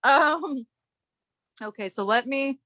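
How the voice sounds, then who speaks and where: A woman's voice: high voice, lively intonation, slow, pushed and bright, no echo. A woman hosting a casual chat, telling a long story in a rambling way, breaking off and laughing often. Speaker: podcast host.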